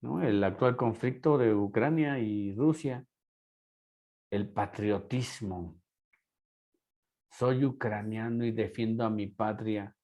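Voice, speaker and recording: Speaking slowly and with frequent pauses, a male teacher with a Mexican accent lectures a class and asks rhetorical questions. His voice is lowish and a little mellow.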